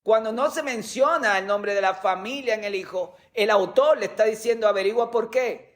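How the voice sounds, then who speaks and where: A man's voice: high voice, normal speed. A man preaching a sermon as a pastor, teaching with rhetorical questions and sometimes repeating words as he goes.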